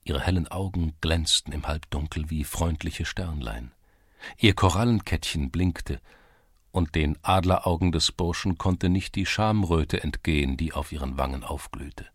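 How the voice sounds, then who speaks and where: A man narrating a literary story in a measured, storytelling way. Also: extremely low pitch, slightly rough, no echo, clean studio sound. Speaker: audiobook narrator.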